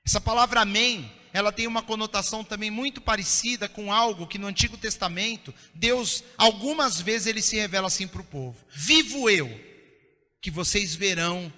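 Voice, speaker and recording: A man preaching a sermon as pastor, impassioned and often dropping to soft, intense tones. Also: high-pitched, brisk, hardly any pauses. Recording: long reverb of a church hall.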